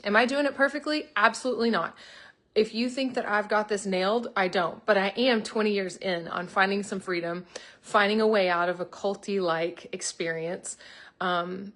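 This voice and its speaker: A woman's voice: mid-range voice, fairly bright tone. Middle-aged woman, coach talking live to viewers; sincere, heartfelt, mid-range voice. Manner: heartfelt, earnest, gets choked up. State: emotional, choked up. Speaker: coach promoting a webinar. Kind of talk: live video talk to viewers.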